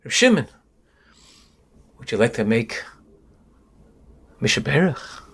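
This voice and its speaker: A man voicing a kind synagogue official who asks gentle, coaxing questions. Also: medium pitch, sing-song, slow, vocal fry, husky, exaggerated voice.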